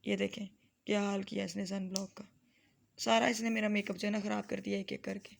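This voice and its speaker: Flat, gravelly Lahori woman vlogging. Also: mid-range voice, a little fast. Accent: Lahori Punjabi. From Lahore, Pakistan. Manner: chatty, slips into Punjabi phrases. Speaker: family vlogger and mother. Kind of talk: casual vlog voice-over narration.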